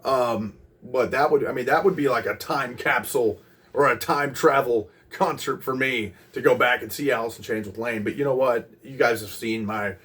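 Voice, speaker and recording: A man in his twenties casually recalling a concert as host of a music channel, rambling with many pauses and restarts. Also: medium pitch, a bit bright, far from the mic. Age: 20s. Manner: rambling, lots of ums and restarts.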